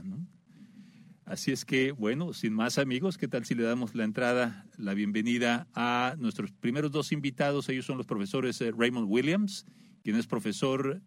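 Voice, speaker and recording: A man's voice: mid-range voice, dry recording. A man hosting a radio talk show, conversational and full of "eh" fillers. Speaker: radio host.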